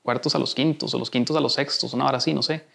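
A man's voice: mid-range voice, fairly even intonation, rapid-fire, vocal fry, a bit bright. A young man with a Costa Rican accent, rambling through a casual anecdote on a podcast, packing his talk with filler words. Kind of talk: casual storytelling chat.

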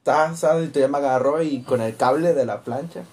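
A man with a Mexican accent, chatting casually and telling stories in a lively, slangy way. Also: mid-range voice, moderate pace. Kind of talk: casual chat.

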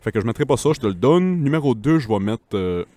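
A man's voice: mid-range voice, big pitch swings, quick pace, warm tone. A man with a Québécois French accent co-hosting a podcast in casual chat, easygoing, swearing and dropping English words. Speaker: podcast co-host.

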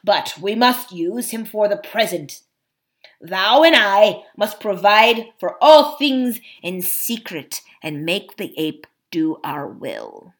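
A woman's voice: mid-range voice, lively intonation, slow pace. A woman voicing a cold, calculating male army captain who speaks formally and haughtily. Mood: haughty. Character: cold scheming foreign army captain, man.

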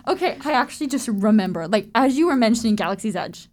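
A woman's voice: on the high side, expressive, quick pace, darkish tone. A young woman in casual chat, telling scattered, rambling stories. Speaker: podcast co-host.

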